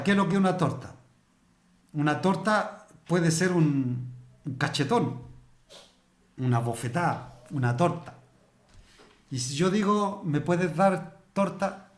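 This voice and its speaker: Preacher, man, talks to his class plainly with everyday examples, roomy hall sound. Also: high voice. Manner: conversational, explains with everyday examples. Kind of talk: church discipleship teaching. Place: church hall.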